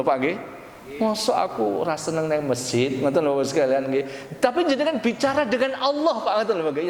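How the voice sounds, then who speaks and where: A man with a Javanese accent preaching a sermon, asking the congregation questions and stretching out Arabic phrases slowly. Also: high-pitched. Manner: call-and-response questions to the congregation; drawn-out slow Arabic phrases. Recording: echoey hall.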